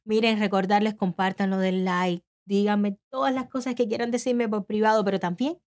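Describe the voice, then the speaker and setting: A woman's voice: mid-range voice, steady tone, normal speed, darkish tone. Reflective woman hosting a talk show. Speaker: host. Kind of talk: casual interview hosting.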